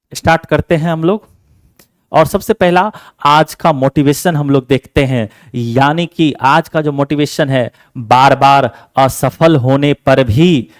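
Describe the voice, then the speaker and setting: A man's voice: mid-range voice, no echo, studio quality. A male teacher giving an exam-focused lesson, asking the class questions and answering them himself, repeating each point.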